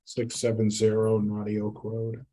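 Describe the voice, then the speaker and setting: A resident speaking at a committee meeting's public comment, plain and slightly unsure. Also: male voice, on the low side, monotone, measured pace, dark tone, rough recording.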